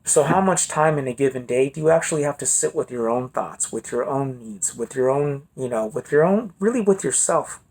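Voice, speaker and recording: A man's voice: mid-range voice, animated, moderate pace, few pauses, darkish tone. A man speaking as a guest speaker in a casual, conversational talk, often checking in with "right?".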